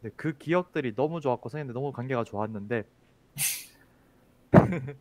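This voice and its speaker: A man's voice: mid-range voice, expressive, a little fast, a little mellow. A man who is a teacher, chatting casually and telling a childhood story, with many fillers. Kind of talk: casual chat.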